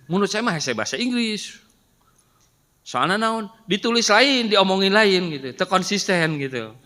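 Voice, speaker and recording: A middle-aged Quran teacher gives a study lesson in a mosque hall, explaining patiently and using rhetorical questions. His voice sits on the high side, pushed and bright, and the sound reverberates through the hall.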